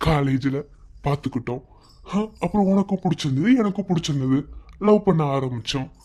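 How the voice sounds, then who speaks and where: A man's voice: on the high side, a little fast, darkish tone, natural voice. A man voicing a patient young cartoon husband with a Madurai Tamil accent, coaxing and pleading to be heard. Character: patient young husband comforting his wife.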